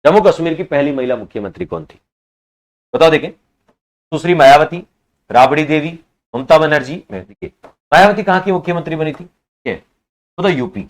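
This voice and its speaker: A man teaching an online exam-prep class, quizzing students and repeating each answer, at times scolding them for slow replies. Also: a little high, animated.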